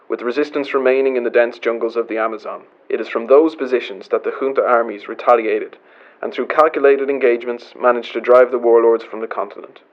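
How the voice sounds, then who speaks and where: A man playing an earnest wartime newsreel announcer, formal and measured, scripted in an old newsreel style through a vintage radio filter. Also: mid-range voice. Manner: formal, measured news delivery. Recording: dull, band-limited old radio sound.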